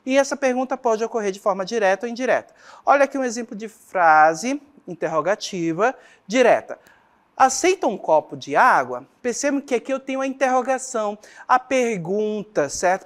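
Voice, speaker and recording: Professora brasileira explicando gramática. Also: female voice, mid-range voice. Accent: Brazilian Portuguese. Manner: explanatory, checks in often with "certo?" and "olha só". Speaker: teacher. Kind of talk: classroom grammar lesson.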